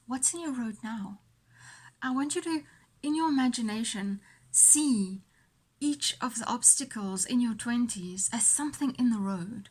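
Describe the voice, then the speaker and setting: With a somewhat high, breathy voice, this woman leads a guided visualisation in the manner of a motivational coach. She talks deliberately, pausing often and repeating phrases.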